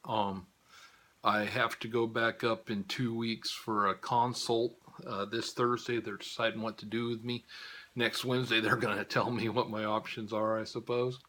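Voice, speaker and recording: Bright-toned older man rambling with chuckles. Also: fairly low pitch, little pitch movement, moderate pace. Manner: rambling, chuckling often, many fillers. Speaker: vlogger giving a health update. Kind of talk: casual spoken update to viewers.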